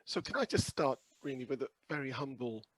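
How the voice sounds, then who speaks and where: A man with a croaky, hoarse voice presenting a webinar over a video call in a humble, hesitant, explanatory way. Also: mid-range voice, brisk, poor audio. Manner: humble, hesitant, softly hedging. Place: video call with screen sharing.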